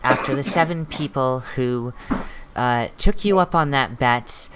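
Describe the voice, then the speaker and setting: A woman's voice: rumbling low, measured pace, background noise. A woman running a tabletop game as game master, narrating events informally and reacting to dice rolls.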